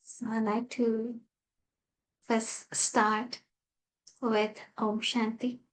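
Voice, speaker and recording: A woman from Malaysia tells a reflective personal story as a guest. Her voice sits a little high and moves in a narrow, even line. She speaks slowly and softly, with gentle pauses and fillers. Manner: soft-spoken and unhurried, with gentle fillers. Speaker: guest speaker, meditation teacher.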